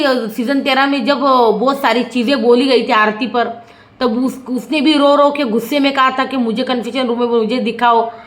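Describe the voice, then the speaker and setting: A woman with a high, bright-pitched voice delivers opinionated commentary on a reality show. She sounds indignant and keeps asking rhetorical questions. Her voice bounces around an echoey room.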